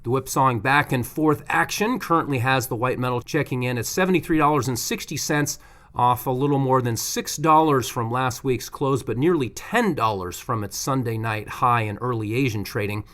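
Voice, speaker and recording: Man, average pitch, scripted market report, news presenter delivery. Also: moderate pace, fairly bright tone.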